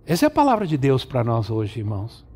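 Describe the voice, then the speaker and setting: A man's voice: mid-range voice, wildly swooping pitch, fast, darkish tone, slightly rough. A middle-aged man with a Brazilian Portuguese accent preaching a sermon as a pastor, drawing out and repeating his phrases for emphasis. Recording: long hall reverb.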